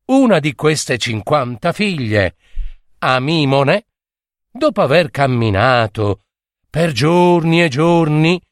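A man narrates an old myth with theatrical flair, his voice swooping through a very animated pitch range. He takes his time, slow and deliberate, with sudden high cries and comic asides. The sound is dry and close. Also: dry recording. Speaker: storyteller. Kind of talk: dramatic storytelling of a myth.

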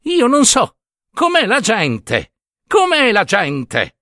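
A man voicing a grumpy, impatient old village priest, with exasperated, loud protesting outbursts. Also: high voice, very animated, unhurried, no echo, clean studio sound, pitched above the performer's own voice, exaggerated voice.

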